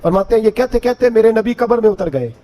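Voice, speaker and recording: A man's voice: sits high, warm tone. A man preaching an impassioned sermon. He tells religious stories with a rising and falling delivery and breaks into sung verse. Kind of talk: Urdu sermon storytelling.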